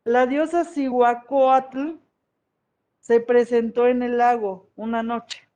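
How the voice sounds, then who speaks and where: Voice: medium pitch, dark tone, lo-fi sound. A history teacher gives a conversational classroom lecture and often checks in with the students.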